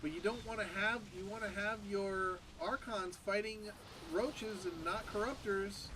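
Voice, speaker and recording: A man with a high voice casts a strategy game match solo as an esports commentator, chatting casually between plays. He sounds nasal and stuffed up after a bad sore throat, and there's background noise.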